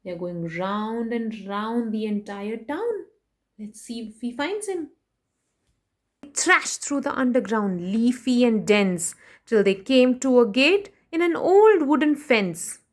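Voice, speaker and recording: A woman with a fairly high voice reads a children's storybook aloud slowly and expressively. She's animated, stopping now and then to ask the young listeners questions directly.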